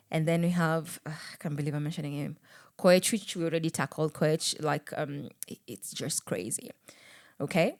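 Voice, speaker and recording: A Kenyan woman co-hosting a casual political talk show, animated and quick to laugh, with bits of Swahili. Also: deep voice. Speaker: podcast co-host.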